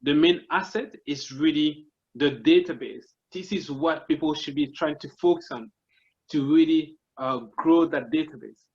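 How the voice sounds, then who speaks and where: This man's voice sits on the high side with a darkish tone, at normal speed and in lo-fi sound. A marketing consultant guest with a Congolese French accent, he earnestly walks through his ideas step by step in a casual interview, often restarting sentences.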